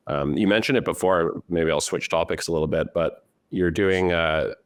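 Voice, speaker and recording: A man's voice: low-pitched, normal speed, dry recording. A man hosting a podcast, upbeat and enthusiastic while interviewing a guest. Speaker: podcast host.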